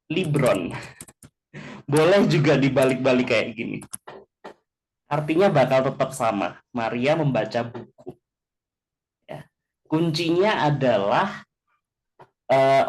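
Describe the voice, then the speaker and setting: A man teaching a class in a casual way, often checking in with his listeners, slowing down to spell out example words and chuckling now and then. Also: medium pitch. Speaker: language teacher. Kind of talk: casual explanatory class talk.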